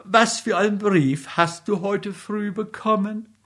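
A man doing a teasing, high-voiced wife. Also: steady tone, unhurried, fairly bright tone. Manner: mocking, teasing. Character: teasing middle-aged wife, mocking and playful.

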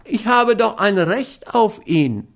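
A man's voice: expressive, takes it slowly, a bit bright, heavily acted. A man doing a whiny, cowardly brute. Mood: whining. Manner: whiny, high and pleading. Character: cowardly whining brutal man, fearful.

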